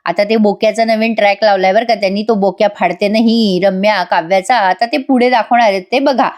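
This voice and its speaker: A woman's voice: medium pitch, fairly even intonation, fairly quick, a little mellow. A woman with a Marathi accent giving a casual voice-over recap of a TV serial, chatty and playful, retelling the scenes in light voices. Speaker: TV serial reviewer.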